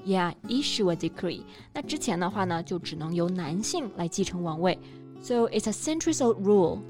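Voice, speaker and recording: A woman's voice: on the low side, animated, moderate pace. A woman co-hosting a bilingual language lesson, affirming points and adding example sentences. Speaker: co-host and English teacher. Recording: faint music underneath.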